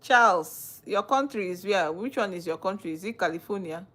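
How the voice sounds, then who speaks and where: Hosting a live stream, a Nigerian-accented woman who works as a legal practitioner reads viewer comments aloud and questions them in a teasing way. She speaks at normal speed with a medium-pitched, expressive, sharp-toned voice.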